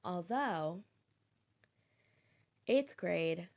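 A woman's voice: lowish voice, animated, drawn-out words, vocal fry. A young woman telling a candid, casual story about her school days, swearing now and then and laughing at herself.

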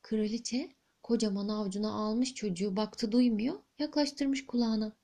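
A woman storyteller narrating a fairy tale in an expressive, lilting read-aloud manner. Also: medium pitch, normal speed.

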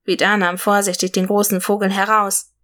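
Female storyteller, steady read-aloud fairy tale narration, mid-pitched voice. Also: normal speed.

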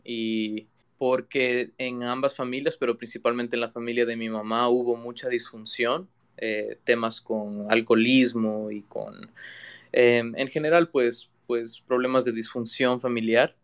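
Man, interview guest; reflective, halting delivery, clear resonant tone. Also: medium pitch, little pitch movement. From Ecuador. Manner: reflective, with many restarts and fillers. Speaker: guest artist. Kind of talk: casual interview answer.

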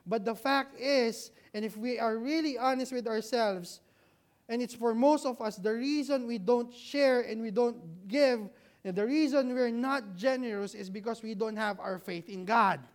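In a church hall, a preacher with a medium-pitched voice delivers a conversational sermon at a moderate pace. He poses questions and answers them himself, often tacking on "right?", while checking in with the congregation and slipping in humorous asides.

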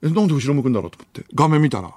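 A man's voice: medium pitch, lively intonation, very fast, a little mellow. A man hosting a late-night radio show, telling a long story with sound effects and bursts of laughter. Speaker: radio host. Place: radio studio. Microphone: studio microphone.

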